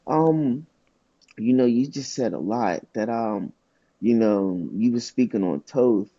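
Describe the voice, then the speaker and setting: A man co-hosting a podcast in loose, profane casual chat, his stories jumping up in pitch when he gets excited. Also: takes it slowly, slightly rough, no echo, muffled recording. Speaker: podcast co-host.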